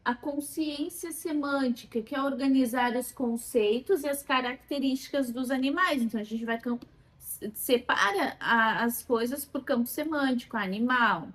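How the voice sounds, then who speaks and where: Recorded on a phone, a Brazilian woman teaches how to use a children's learning game at a moderate pace in a voice that sits high. An animated child development educator, she at times asks sample questions as though to a child.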